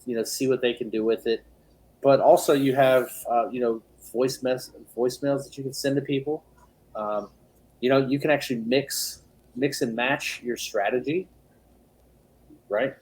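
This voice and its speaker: A man chatting casually on a podcast as a business owner, relaxed, acting out sales calls in quick asides. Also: medium pitch, slightly rough, poor audio.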